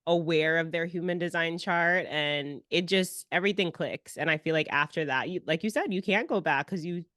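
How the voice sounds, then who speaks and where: A woman with a lowish voice hosts a casual podcast interview. She sounds affirming and reflective. The recording is dry, with no room sound. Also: normal speed, fairly bright tone, dry recording. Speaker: podcast host.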